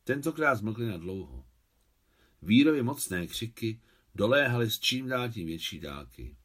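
A man's voice: on the low side, big pitch swings, a bit bright, breathy edge. A man reading his own translation of a novel aloud, narration and dialogue in one voice, in literary audiobook style.

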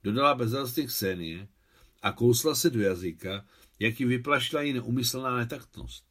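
A man reads a novel aloud in an audiobook manner, his mid-pitched voice rising and falling in wide, animated swings. He narrates and speaks the characters' lines in one steady reading voice. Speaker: translator reading his own translation.

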